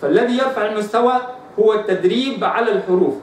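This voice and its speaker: High-voiced Egyptian man teaching recitation, echoey. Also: recorded from a distance, slight background noise. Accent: Egyptian Arabic. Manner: demonstrates letter sounds slowly and repeatedly. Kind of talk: tajweed lesson with drills.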